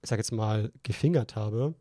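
Ein junger Mann, der als Co-Host eines Podcasts angetrunken und sprunghaft erzählt, mit vielen Neuanfängen. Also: male voice, lowish voice, moderate pace, dark tone, dry recording, clean studio sound. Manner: rambling, tipsy storytelling with frequent restarts. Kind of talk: casual chat.

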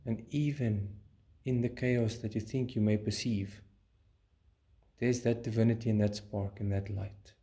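A man leading a guided meditation in a calm, soothing, measured way, pausing between short phrases. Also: lowish voice.

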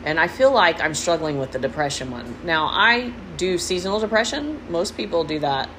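A woman's voice: lowish voice, animated, moderate pace. A middle-aged woman hosting a podcast as a casual, candid, rambling personal monologue, recorded in a room with fans running. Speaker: podcast host. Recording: noisy, window units and fans humming.

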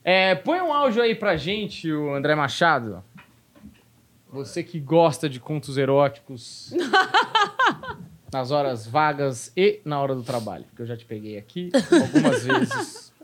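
A man hosting a casual podcast, joking in a relaxed, slangy way. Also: a little high, a little slow. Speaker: podcast host.

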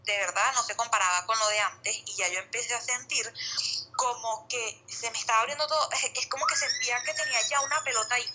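Woman, quick, bright, rambling chat voice, call-quality sound. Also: a little high, slightly rough, soft background music, low-quality recording. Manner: fast, rambling, many fillers and restarts. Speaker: guest sharing birth story. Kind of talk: casual conversational storytelling.

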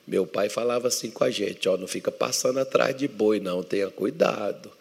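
A Brazilian male pastor preaches with a gravelly, textured voice in a church hall. He swings from loud emphatic declarations to hushed, close storytelling. A long reverb trails behind his words. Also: on the low side, fairly quick. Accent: Brazilian Portuguese. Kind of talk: sermon.

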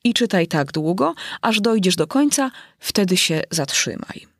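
A woman reading aloud and voicing a fussy, pompous old king who talks slowly. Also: medium pitch, sing-song, no echo, studio quality.

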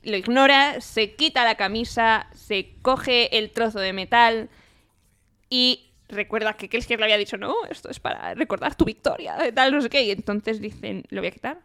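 Smooth-voiced woman retelling a book. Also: on the high side, a bit bright. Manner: retells chapters briskly, acting out lines. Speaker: podcast co-host. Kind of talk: casual book-club chat.

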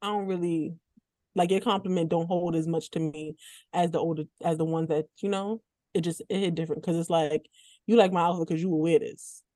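A woman's voice: lowish voice, steady tone, brisk, warm tone, no echo. A woman co-hosting a podcast, chatting casually with many "like" fillers and laughing as she tells stories. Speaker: podcast co-host. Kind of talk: casual chat.

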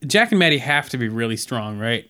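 A man's voice: medium pitch, very animated, a little fast, pushed and bright. A man co-hosting a podcast, casually recapping a cartoon episode with rambling restarts and fillers. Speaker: podcast co-host.

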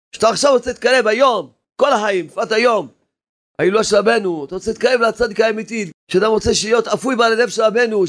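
A rabbi preaching a fervent sermon, repeating phrases and urging his listeners, sometimes shouting. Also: high voice. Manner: impassioned, repetitive exhortation, sometimes shouting.

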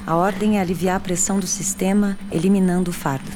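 An actress playing a young, tired but firm doctor who calmly gives orders and pleads with her mother. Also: fairly low pitch, fast talker, background noise, close to an everyday voice. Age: young adult. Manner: calma e firme, às vezes suplicante. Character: jovem médica cansada, firme e paciente. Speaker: doctor and narrator.

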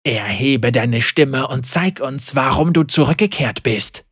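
A man voicing a huge, vicious male tiger spirit of ice that speaks slowly, growling and scornful, in a dry, husky storybook reading. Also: medium pitch, lively intonation, a bit bright, no echo. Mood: menacing.

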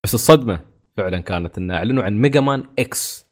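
Fast-talking, teasing podcast man. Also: on the low side, animated, darkish tone. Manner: laughs often, teasing. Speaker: podcast co-host. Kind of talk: casual chat.

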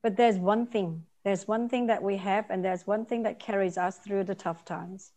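A woman's voice: medium pitch, fairly even intonation, moderate pace, warm tone. Earnest woman from Vietnam, repeating phrases. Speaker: interview guest, nonprofit founder. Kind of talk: interview answers.

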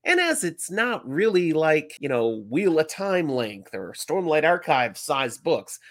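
Male podcast host, slightly congested with a cold, chatty and emphatic, highly varied intonation for enthusiastic book talk. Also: unhurried. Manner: informal, emphatic, animated. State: getting over a cold.

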